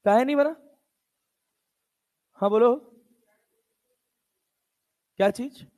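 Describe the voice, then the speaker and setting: A man's voice: very high voice, takes it slowly, a little mellow. A male physics teacher lecturing a class, coaxing and teasing his students and scolding them casually.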